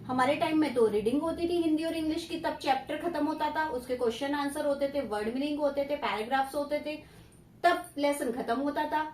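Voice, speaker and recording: A woman's voice: high-pitched, fairly quick, reverberant, far from the mic, a little hiss or hum. A woman tuition teacher dictating spelling to children, stern yet coaxing, stretching out syllables as she dictates.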